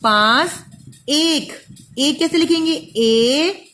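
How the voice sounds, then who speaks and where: Her high-pitched, fairly bright voice stretches words out sound by sound as this teacher patiently spells them for young children. She draws out each syllable and addresses the listener as "beta."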